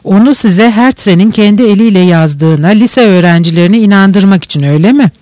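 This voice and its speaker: A man's voice: high voice, fairly quick, darkish tone, no room sound, natural voice. A man reading a bitter young radical. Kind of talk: audiobook character reading.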